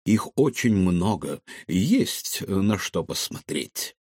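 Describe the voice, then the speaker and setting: A man voicing a courteous, gallant elderly professor in a storybook, measured and polite. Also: low-pitched, very animated, darkish tone, no echo, clean studio sound, heavily acted.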